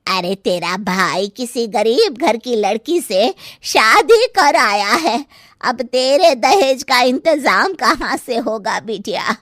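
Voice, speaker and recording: A woman voicing a stingy, greedy mother-in-law who grumbles and complains slowly in an animated story. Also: a little high, no room sound, studio quality. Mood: grumbling.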